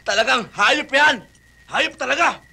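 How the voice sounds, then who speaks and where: A man's voice: extremely high pitch, lively intonation, measured pace, vocal fry, pushed and bright, husky, heavily acted. An actor playing a hot-tempered young soldier who is grieving and drunkenly angry at his officer, in a film with music underneath. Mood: bitter. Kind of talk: film acting.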